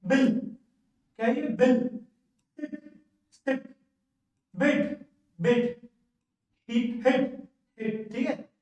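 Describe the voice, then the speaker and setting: A man teaching English pronunciation in a classroom lesson, slowly repeating each word twice for learners to echo. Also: extremely high pitch, a little mellow, lo-fi sound. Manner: says each word twice, slow drilling. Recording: very echoey room, voice from far off.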